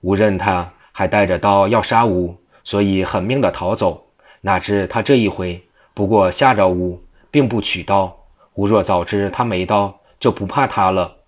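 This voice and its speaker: A man's voice: low-pitched, normal speed. A man reading as a timid simple-minded husband. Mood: rambling. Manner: plain, rambling.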